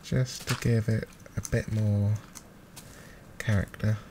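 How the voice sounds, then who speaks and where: A gaming video host offers casual, hesitant let's play commentary, thinking aloud as he plays. His voice sits fairly low, with a flat delivery and a slow pace. A close desktop mic with the gain turned high picks up mouse clicks and keyboard noise around him.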